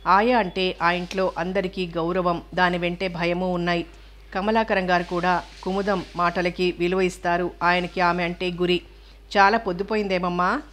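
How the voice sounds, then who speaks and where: Low, level-voiced woman narrating a novel. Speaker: audiobook narrator.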